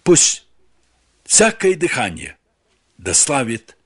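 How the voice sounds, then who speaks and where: Male preacher, husky, dramatic rise-and-fall delivery, dry close sound. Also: mid-range voice, wildly swooping pitch, takes it slowly, no room sound. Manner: solemn, swelling rises and falls. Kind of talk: radio-style sermon.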